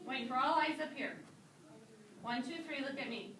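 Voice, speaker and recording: A woman teaching a kindergarten class, drawing out words slowly so young children can repeat them. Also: high-pitched, fairly bright tone. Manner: slow, drawn-out modeling of words. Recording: echoey classroom from far off, noisy.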